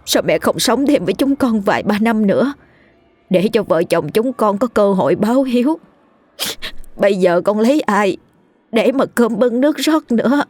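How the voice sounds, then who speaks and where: A storyteller voicing a scheming middle-aged village wife who sneers at her husband and fakes loud wailing for her dead mother-in-law. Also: medium pitch, moderate pace, no room sound, natural voice. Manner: sneering, then theatrically wailing.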